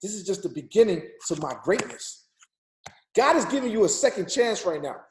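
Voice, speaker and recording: A man's voice: high voice, big pitch swings, moderate pace, reverberant, a little hiss or hum. A man in his thirties giving an emphatic, repetitive motivational talk on a group call, urging listeners like a preacher. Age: 30s. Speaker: motivational speaker.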